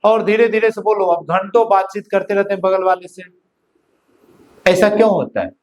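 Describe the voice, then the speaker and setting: A man teaching a physics class in a Hindi-English mix with an Indian accent, dictating notes slowly and often asking students whether they follow. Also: sits high, darkish tone. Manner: slow dictation of notes, checks understanding with repeated questions. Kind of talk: classroom lecture.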